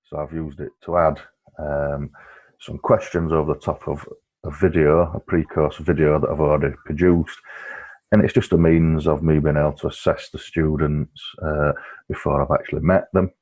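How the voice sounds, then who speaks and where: A man with an extremely low, husky voice walks through software as a tutor. He speaks in a flat, even tone, relaxed and explanatory, dropping in frequent ums and uhs. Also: moderate pace. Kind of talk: screen-recorded software walkthrough.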